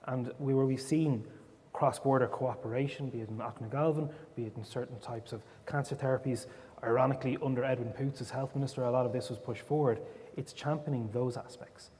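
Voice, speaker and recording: A man's voice: mid-range voice, fairly even intonation, fairly quick. A man with an Irish accent, speaking as a panelist in a discussion and arguing his points emphatically. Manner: emphatic, forceful argument. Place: event hall. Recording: long hall reverb, faint noise.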